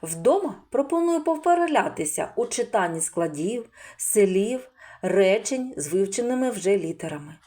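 A woman teaching preschoolers to read, sounding out words slowly and asking questions she answers herself. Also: medium pitch, big pitch swings, warm tone. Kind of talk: slow, clear phonics lesson for young children.

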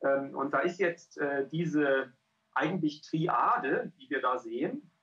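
A middle-aged man presenting a research project over a video call, halting and full of filler sounds. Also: fairly high pitch, animated, a bit bright. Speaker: cultural scientist and pianist presenting a research project. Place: indoor room. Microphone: headset on a video call. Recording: dull lo-fi call audio.

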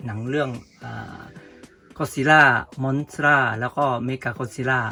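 Male vlog host reviewing toys, easygoing and chatty, soft music under him. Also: mid-range voice, moderate pace. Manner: relaxed, chatty, polite particles. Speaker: toy reviewer. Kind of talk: casual toy review vlog.

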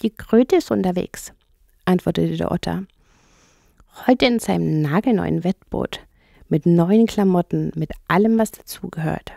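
A woman voicing a gruff, sociable male otter in a children's audiobook. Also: fairly low pitch, unhurried, mellow, no echo, clean studio sound. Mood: gossipy.

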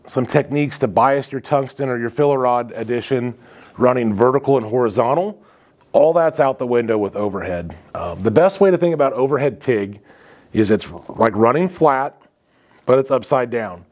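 A man's voice: medium pitch, moderate pace, a little mellow. A man in his thirties, a welding instructor, talking casually through a demonstration in an indoor welding shop, loose and conversational, with frequent fillers.

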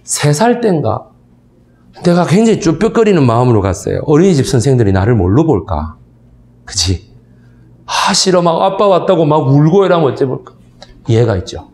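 Man, lecturer, lively swooping voice, storytelling, echoey lecture hall. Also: fairly high pitch, moderate pace. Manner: animated storytelling, asks the audience for agreement. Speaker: history lecturer. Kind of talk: lecture for seniors.

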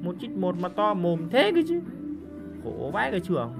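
A man giving excited live commentary over a mobile game he is playing, full of repeated cries and joking boasts to viewers. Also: high voice, normal speed, gravelly. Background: game music.

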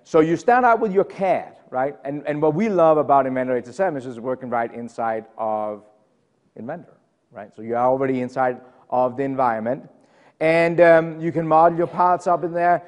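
A man's voice: on the high side, moderate pace, muffled recording. Danish guy presenting at a conference, loose and chatty, lots of ums, echoey hall sound. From Denmark. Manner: casual, chatty, many fillers and self-deprecating asides. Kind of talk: live technical presentation. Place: conference room.

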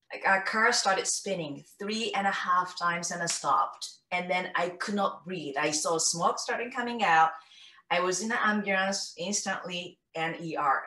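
Bright-voiced Japanese woman in her fifties. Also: lowish voice. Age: 50s. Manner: animated, gestures a lot, acts out what she recalls. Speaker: guest, founder of a face exercise method. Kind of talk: storytelling interview answer. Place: home room, video call. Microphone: laptop webcam mic on a video call. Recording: roomy, slightly distant video call audio.

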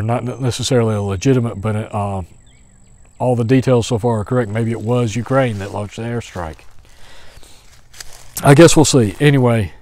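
A middle-aged man talks into a phone held at arm's length as he walks through spring woods. He thinks out loud, pausing on fillers and restarting his sentences. His voice sits in an ordinary middle register. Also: mid-range voice, no echo. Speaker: vlogger. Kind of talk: walk-and-talk commentary. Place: outdoors in spring woods, walking.

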